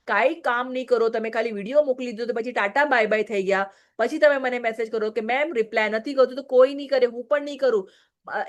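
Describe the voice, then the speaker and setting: A married woman giving a direct, scolding training talk to her business team, often checking "okay?". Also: fairly high pitch. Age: adult, married.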